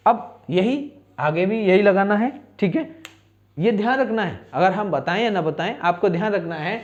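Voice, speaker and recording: A man's voice: high voice, a little mellow. Man drilling greetings in a lo-fi lesson. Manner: repetitive, asks questions and answers them himself. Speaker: English teacher. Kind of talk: spoken-English lesson with call-and-repeat drills.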